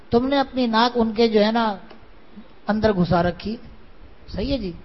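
A man giving a sermon to students, pressing them with rhetorical questions, quoting his spiritual guide, and raising his voice at times for emphasis. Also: high voice. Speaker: religious teacher addressing students. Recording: dull lo-fi recording with faint background hiss.

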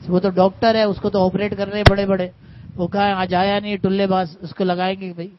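A man's voice: high voice, flat delivery. A middle-aged man, preaching a sermon in a conversational way, teasing his listeners and calling them brother. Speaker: religious teacher. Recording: muffled lo-fi recording.

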